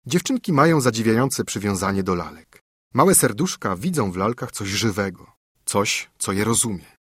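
Husky male audiobook narrator. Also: lowish voice, animated, normal speed, dry recording, clean studio sound.

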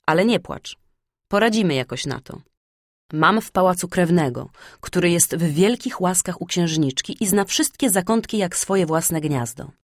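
A woman voicing a gossipy old female crow who tells stories, speaking slowly and deliberately. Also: on the low side, no room sound, clean studio sound, natural voice.

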